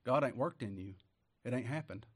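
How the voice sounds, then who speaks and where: A man preaching a sermon, fervent and folksy, swinging between loud declarations and quiet asides. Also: mid-range voice, animated, normal speed. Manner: colloquial rural speech, ain't and them.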